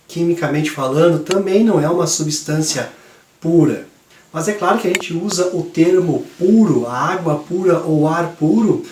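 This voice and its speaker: A man teaching a science lesson to young students in a chatty, relaxed way, his voice hoarse from a cold. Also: fairly high pitch, reverberant. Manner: chatty, relaxed, many fillers. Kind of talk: classroom lesson for kids.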